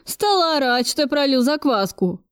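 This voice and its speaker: A woman's voice: high-pitched, big pitch swings, unhurried, dark tone, dry recording, clean studio sound, voice pushed up. A woman reading an audiobook, voicing a frightened young male worker who sobs and whines his words. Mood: whimpering. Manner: sobbing, whining.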